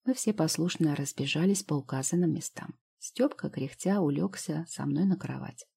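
Low husky woman reading a novel. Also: normal speed, warm tone. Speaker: audiobook narrator. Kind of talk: first-person novel reading.

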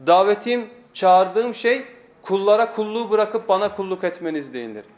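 A man's voice: high voice, normal speed, a little mellow. A man preaching a weekly sermon lesson at a pulpit microphone, emphatic, repeating phrases and putting rhetorical questions to his listeners.

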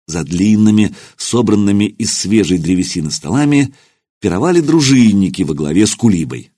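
Male audiobook narrator, expressive, husky voice, dry close recording. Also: lowish voice, moderate pace, no echo. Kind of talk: scripted narration.

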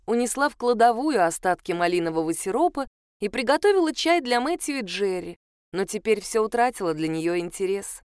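A woman narrating a story aloud in a measured, expressive way, recorded on a close microphone. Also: mid-range voice, smooth, dry recording. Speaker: audiobook narrator. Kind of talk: scripted narration.

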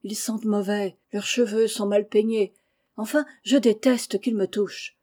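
A woman's voice: mid-range voice, fairly even intonation, unhurried, mellow, lightly acted. A woman reading aloud voices a proud, disdainful young girl who talks in a haughty, petulant way. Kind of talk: audiobook character reading.

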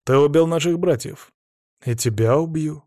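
A man's voice: fairly high pitch, moderate pace, no echo, voice pushed up, natural voice. Guy doing a nasty hissy henchman, hot-tempered, dry close mic. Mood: spiteful. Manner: hissing, shouting. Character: spiteful male necromancer henchman, hissing and hot-tempered.

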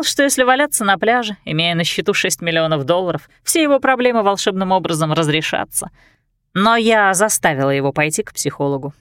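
Brief: woman narrator playing an apologetic young best friend, earnest and soft-spoken, dry booth sound. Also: medium pitch, dry recording. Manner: earnest, pleading confession. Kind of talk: audiobook character voice.

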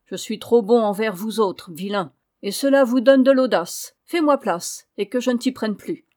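A woman's voice: high-pitched, fairly quick, dry recording, clean studio sound, pitched above the performer's own voice, natural voice. A woman voicing an old nobleman, a stern and troubled grandfather, in a raised commanding tone.

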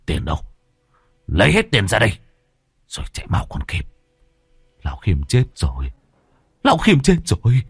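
A man voicing a panicked young master who stammers and shouts. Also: fairly low pitch, huge pitch swings, brisk, vocal fry, long pauses, husky, no room sound, clean studio sound, exaggerated voice. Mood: furious.

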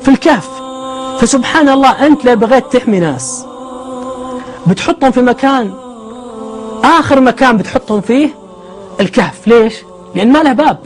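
A male preacher talks quickly in a high voice. He tells his stories with animation and keeps putting rhetorical questions to his listeners. Faint music sits under his speech. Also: animated. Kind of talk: sermon-style lecture.

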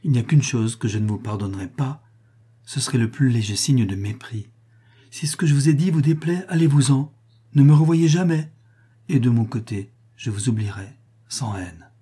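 A man's voice: medium pitch, animated, normal speed, warm tone, slightly rough. A man reading aloud, voicing a proud, passionate young woman in an impassioned, raised voice. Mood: vehement.

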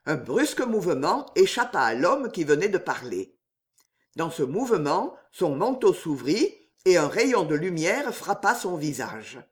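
A reader narrating an audiobook in a slow, expressive storytelling manner. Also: mid-range voice.

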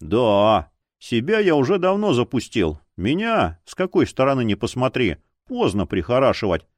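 A man's voice: medium pitch, huge pitch swings, normal speed, no room sound. An easygoing aging cook, voiced by a male narrator, bantering and defending himself with a drawl. His talk is joking and self-deprecating, recorded close and dry.

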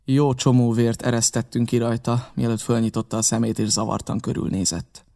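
A man reading a novel aloud in steady, measured narration. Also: medium pitch, creaky. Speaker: audiobook reader.

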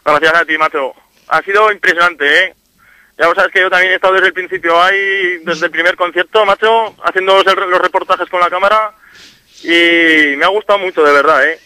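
A man's voice: sits high, fairly even intonation, brisk, sharp tone, no echo, rough recording. A man calling into a radio show by phone from his car, casual and matey, swearing freely. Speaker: caller. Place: in a parked car. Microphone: phone call.

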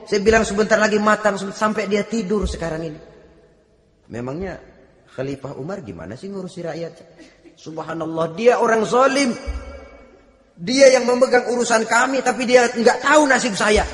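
A weary, bitter poor mother who complains in a hushed, low voice, as a preacher acts her out. His voice is on the high side for a man. The sound echoes through a large hall. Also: normal speed. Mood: complaining.

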